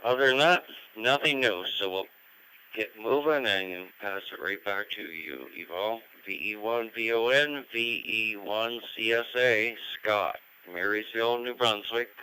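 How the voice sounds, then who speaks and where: A man giving a brief, matter-of-fact check-in over amateur radio in a measured way. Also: lowish voice, pushed and bright, smooth, poor audio. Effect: amateur radio transmission.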